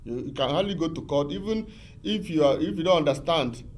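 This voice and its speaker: A man's voice: fairly high pitch, lively intonation, a little fast. A man explaining arbitration law as a guest on a TV talk show, patient and repetitive, with many fillers and restarts. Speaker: legal expert guest.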